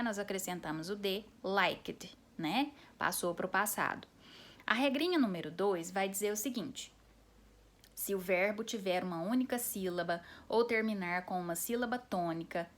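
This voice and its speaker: A woman teaching an English grammar lesson in a patient classroom manner, walking through each rule step by step. She slows down to spell out letters and often checks in with her students. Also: mid-range voice.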